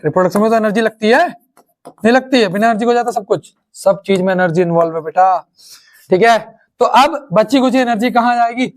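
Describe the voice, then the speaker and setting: Man, high voice, teaching a class, quizzing students back and forth. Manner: quizzing students with rapid questions and answers. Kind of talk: online class lecture.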